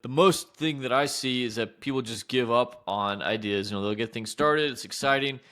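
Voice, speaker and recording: A man talks through money advice on a podcast in a relaxed, conversational way. His voice is clear and resonant, and he keeps things friendly with plain everyday examples. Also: medium pitch, moderate pace. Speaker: podcast co-host, accountant. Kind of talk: casual advice talk.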